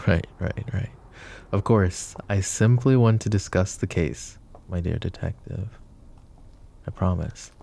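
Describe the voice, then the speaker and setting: Deep, slow, and mellow, this man gives a full character voice as a suave mafia boss addressing the listener in an audio drama roleplay. The possessive boss flirts silkily, smooth and courteous, with teasing menace beneath the polish.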